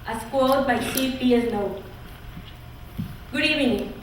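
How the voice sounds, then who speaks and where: A young woman from Ecuador, a student, delivering an earnest, measured oratory speech. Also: high-pitched, far from the mic, a little hiss or hum. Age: young adult. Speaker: student speaker. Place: college auditorium. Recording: echoey hall, mic from afar.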